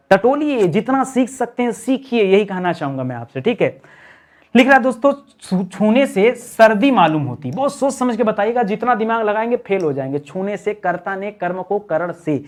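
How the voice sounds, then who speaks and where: Male Hindi teacher, talky and teasing, asks the class questions and answers them himself. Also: high-pitched. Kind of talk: online exam-prep lesson.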